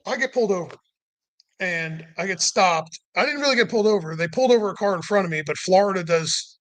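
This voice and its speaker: A podcast guest with a high, slightly bright voice rushes through a long road-trip tale in casual conversation. He rambles, leans heavily on "like," and acts out the things people said.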